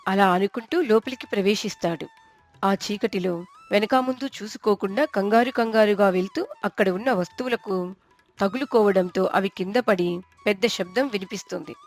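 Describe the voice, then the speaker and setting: A woman calmly narrating a cartoon moral story and voicing the wife. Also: mid-range voice, normal speed, soft background music.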